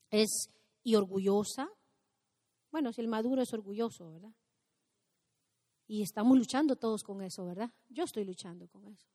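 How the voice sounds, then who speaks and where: A woman pastor preaching an impassioned sermon, swinging between loud exclamations and near-whispers. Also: fairly high pitch, big-room sound.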